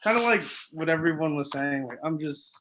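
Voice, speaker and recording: A man performer talking hesitantly and softly as he begins his turn. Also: fairly high pitch, animated, a little hiss or hum, poor audio. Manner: hesitant, soft, halting.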